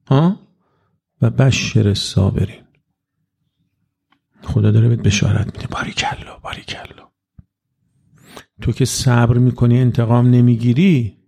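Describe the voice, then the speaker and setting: Gravelly-voiced man giving a lively religious talk. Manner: conversational, acts out quoted dialogue with rising pitch. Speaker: religious lecturer. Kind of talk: informal religious talk to an audience.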